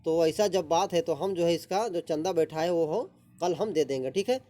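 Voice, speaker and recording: A man's voice: a little high, moderate pace, mellow. A man teacher who reads a play line by line and then explains each line plainly, with lots of fillers.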